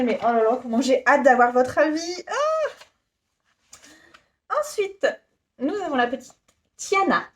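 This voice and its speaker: A woman in her thirties presenting her work in a casual, giggly, self-deprecating vlog chat. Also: on the high side. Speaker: YouTuber presenting her shop.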